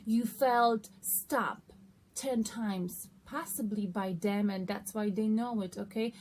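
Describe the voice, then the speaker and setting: In a mid-range, slightly mellow voice at a slow pace, a woman hosts an online tarot reading. She's casual and conversational and frequently checks in with her audience, over noticeable background noise.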